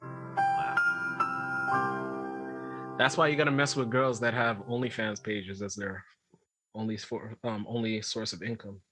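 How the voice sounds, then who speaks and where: A man co-hosting a podcast in casual chat, teasing his friends loudly and laughing often. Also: fairly low pitch, fairly even intonation, unhurried, long pauses, soft background music. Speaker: podcast co-host.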